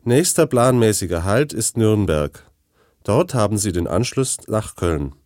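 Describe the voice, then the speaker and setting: A man reading formal train announcements in a steady, announcing way. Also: fairly low pitch, measured pace, no room sound, studio quality.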